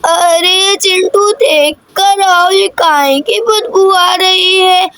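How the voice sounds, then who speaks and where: A woman voicing an elderly grandmother in a cartoon, speaking in a slow, drawn-out way. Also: extremely high pitch, fairly bright tone, exaggerated voice. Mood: fussing.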